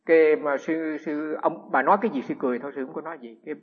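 Husky monk, echoey hall. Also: male voice, on the high side, fast. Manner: lively anecdotes with frequent restarts. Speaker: Buddhist monk giving a dharma talk. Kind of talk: humorous storytelling sermon. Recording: echoey hall, dull lo-fi sound.

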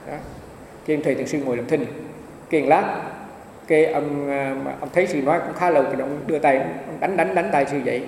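A man's voice: on the high side, fast, darkish tone. A man, a Buddhist monk, giving a rambling dharma talk full of anecdotes and repeated small words. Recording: echoey hall, mic far off, faint hiss.

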